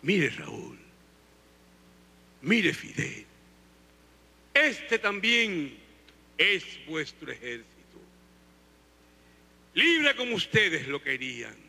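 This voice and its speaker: A man reciting a poem on a concert hall stage into a handheld mic, slow and solemn, building to fervent peaks. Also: a little high, pushed and bright. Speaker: poetry reciter. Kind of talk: declamatory poetry recital on stage.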